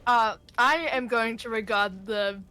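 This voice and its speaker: Woman, slightly high voice, teasing, direct, tabletop player. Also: steady tone, unhurried, pushed and bright, clear, resonant tone. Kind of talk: casual tabletop play.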